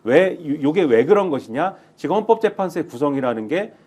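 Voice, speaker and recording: Lively higher-voiced male commentator. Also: fairly quick, husky. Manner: explanatory, poses rhetorical questions. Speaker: political commentator. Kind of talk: political talk show discussion.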